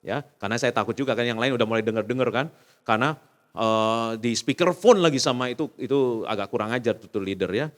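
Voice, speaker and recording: A man preaching a sermon in Indonesian with casual Jakarta slang, his voice ringing through a hall with a long reverb. He tells a story and slips into other people's voices, rising high and dropping low as he goes. His pitch sits in an ordinary middle range. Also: fast talker. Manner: storytelling, acts out voices in quotes, animated swings up and down in pitch. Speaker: pastor. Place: church hall.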